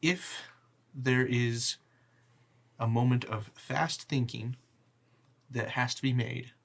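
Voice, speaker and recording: A man's voice: mid-range voice, steady tone, creaky. A man playing a devout figure who earnestly preaches about the gods and being spiritually prepared. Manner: earnest, measured sermonizing.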